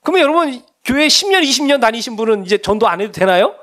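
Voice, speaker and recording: A man's voice: very high voice, fast. A middle-aged man preaching as a pastor, talking to the congregation in a conversational way and asking many questions. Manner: animated, conversational preaching with frequent rhetorical questions. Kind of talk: sermon.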